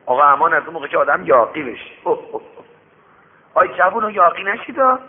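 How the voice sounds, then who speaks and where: Preacher telling a moral tale on radio. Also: male voice, on the high side. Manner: lively, addresses listeners directly with warnings. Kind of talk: moralizing sermon storytelling. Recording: tinny radio broadcast with long reverb.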